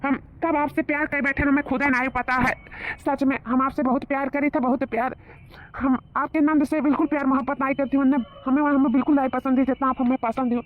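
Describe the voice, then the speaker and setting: A woman's voice: sits high, fairly even intonation, a little fast, natural voice. A woman playing a smug flirtatious village man. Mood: flirting. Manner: wheedling, boastful. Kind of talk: comedy sketch acting. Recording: tinny phone-like sound.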